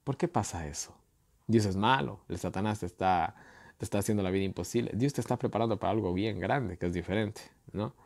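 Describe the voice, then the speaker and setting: A man's voice: fairly low pitch, brisk, creaky, darkish tone, dry recording. A man teaching a Bible study. He reads scripture aloud with rising emphasis and tells little stories between the verses, often ending them with a questioning "no?". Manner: tells anecdotes with tag questions and light laughs. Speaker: preacher.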